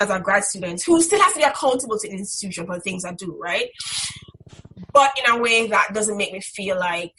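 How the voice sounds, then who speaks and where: Over a rough recording full of clicks and background noise, a young Caribbean graduate student instructor gives a reflective interview. She speaks candidly, stridently, and emphatically. Her medium-pitched voice is bright and forceful.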